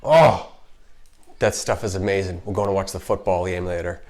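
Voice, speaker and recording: A man's voice: sits low, moderate pace, darkish tone. A man with a slight lisp from wearing retainers, chatting casually and emphatically as he hosts an unscripted explainer vlog, often interrupting himself. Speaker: video host, marketer. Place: home kitchen.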